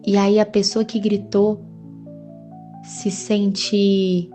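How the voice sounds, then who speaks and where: A Brazilian woman in her thirties gives an earnest, conversational devotional and moves into prayer. She speaks at a middle pitch and keeps turning to her listeners with questions. Faint music plays underneath her voice. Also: flat delivery, extremely slow, warm tone. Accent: Brazilian Portuguese.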